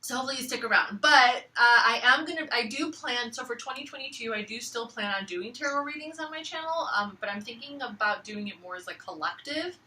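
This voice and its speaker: Woman, tarot reader, rambling casual chat, fairly high voice, mic set a bit far off. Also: fairly quick, few pauses, slight background noise. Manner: rambling, relaxed, many fillers. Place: living room floor at home. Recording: echoey room, from off the mic.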